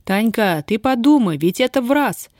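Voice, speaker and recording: Женщина читает реплики сердитой, резкой на язык молодой крестьянки, ругающейся простонародной речью. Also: female voice, on the high side, animated, measured pace, a little mellow, dry recording, studio quality, voice pushed up. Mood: grim. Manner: gruff, scolding, folk speech. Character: grim, sharp-tongued young peasant woman, bound.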